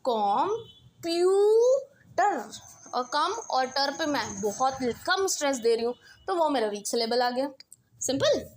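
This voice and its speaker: Lady teacher going over a lesson, pretty high voice, keeps checking in. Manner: explanatory, repeats "ठीक है" checks, mixes Hindi and English. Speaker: English teacher. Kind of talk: casual revision lesson.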